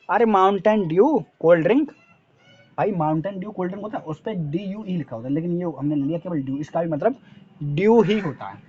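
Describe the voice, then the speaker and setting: A man's voice: high voice, a little mellow, lo-fi sound, slight background noise. A male teacher with a Hindi accent giving an English lesson, spelling words letter by letter and asking and answering his own quiz questions. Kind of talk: spoken-English lesson at a board.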